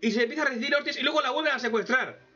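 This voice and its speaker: A man giving a sarcastic, profane anime commentary rant, with mocking asides and sudden loud outbursts. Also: very high voice, very fast. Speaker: anime reaction youtuber. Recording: dull lo-fi mic.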